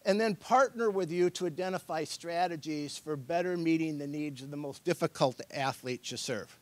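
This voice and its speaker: Speaking on the high side at a moderate pace, this middle-aged presenter runs a casual workshop lecture full of loose hedges and frequent chuckles. There's no room sound on the recording.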